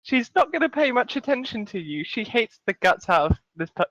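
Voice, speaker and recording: A man playing a tabletop game, giggly and animated as he chats. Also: very high voice, brisk, dry recording, lo-fi sound. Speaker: player.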